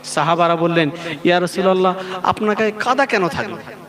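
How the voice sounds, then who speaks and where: A man preaching a sing-song sermon, urging the crowd to shout back. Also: sits high, a little fast. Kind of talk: chanted Bengali waz sermon. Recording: live sermon with loud crowd.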